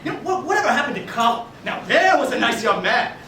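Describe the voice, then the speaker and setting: An actor playing a gruff, sarcastic conservative father in a comedy sketch, with booming outbursts. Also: very animated, fast. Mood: blustering. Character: gruff conservative father, middle-aged, blustering. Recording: roomy sound from a distant mic, loud background noise.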